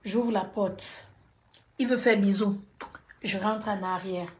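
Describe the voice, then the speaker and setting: A woman's voice: medium pitch, steady tone, slow pace. A woman telling a personal story on a livestream, dramatic and repetitive, talking straight to her audience.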